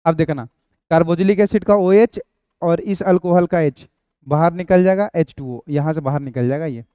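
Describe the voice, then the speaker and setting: बिहारी लहजे वाला चंचल रसायन शिक्षक. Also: male voice, fairly high pitch, normal speed, warm tone, smooth, no room sound. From Bihar. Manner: playful, banters with imagined students, sings a snatch. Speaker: chemistry teacher. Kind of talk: exam-prep lecture.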